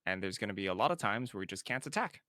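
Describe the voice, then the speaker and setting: A man with a bright, tense edge reads card text aloud and then judges it in easy chat. His pitch moves a lot, and the sound is close and dry. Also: expressive, fast talker, dry recording. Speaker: co-host of a card game podcast. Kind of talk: casual card review chat.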